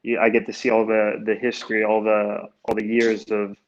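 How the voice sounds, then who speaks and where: In casual interview answers, a young American man in his twenties whose first language is Greek speaks easygoingly but hesitantly, restarting often. He's a guest, an amateur runner and goalkeeper, with a level, narrow pitch and a moderate pace. The video-call audio is dull and lo-fi.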